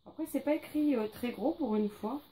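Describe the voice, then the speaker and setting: A woman's voice: sits high, moderate pace, warm tone, slight background noise. A woman presenting her pile of books to read in a casual vlog, listing titles with many hesitations and fillers. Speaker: book vlogger.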